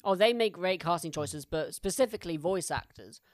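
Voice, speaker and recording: A man co-hosting a casual podcast, swearing freely and ranting with quick banter. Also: sits high, lively intonation. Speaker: podcast co-host.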